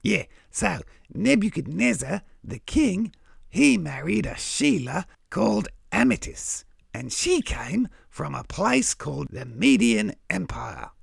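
A cheerful Australian crow with a very gravelly, husky voice. He talks like a blokey tradesman, full of matey slang and folksy asides, and his pitch swings about in a scripted comic educational chat. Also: sing-song, slow, no room sound, clean studio sound, exaggerated voice. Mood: chatty, matey. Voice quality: gravelly, raspy.

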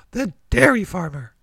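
A man voicing an excitable puppet-like sidekick on a children's show, with a raspy, creaky voice. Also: fairly high pitch, slow, no room sound, clean studio sound, full character voice. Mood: eager.

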